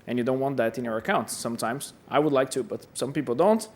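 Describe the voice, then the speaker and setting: A Brazilian man with a mid-range voice talks fast and animatedly while speaking at a conference. The talk, given in a conference hall, is chatty and self-deprecating, full of repeated words.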